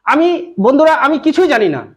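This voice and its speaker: A goat farmer from West Bengal explaining breeding to an interviewer, often checking that the listener follows. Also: male voice, very high voice, very animated, normal speed. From West Bengal, India. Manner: repeats "কিন্তু" and "বুঝতে পেরেছেন?" often. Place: goat farm, outdoors.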